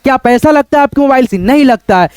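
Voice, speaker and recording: A man's voice: extremely high pitch, lively intonation, quick pace, darkish tone, smooth, dry recording. A man teaching a casual video lesson, walking step by step through examples, often calling out to his viewers and asking them questions. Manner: repeats "dosto" and "dekho", asks the viewers questions.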